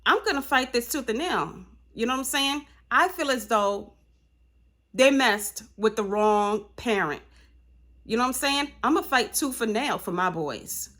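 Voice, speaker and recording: A woman's voice: on the high side, animated, unhurried. A woman vlogging casually to her viewers as a parent, speaking, fired up and indignant, often asking "you know what I'm saying". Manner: heated, rising to indignant outbursts. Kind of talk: casual vlog talk to viewers. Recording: music loud behind the voice. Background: loud music.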